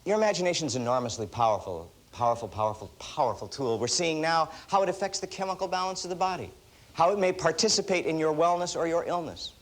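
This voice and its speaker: Brief: man giving a motivational seminar, fairly high voice, lively self-mocking storyteller. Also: fast. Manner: animated, self-deprecating storyteller. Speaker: motivational speaker. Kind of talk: seminar talk with anecdotes.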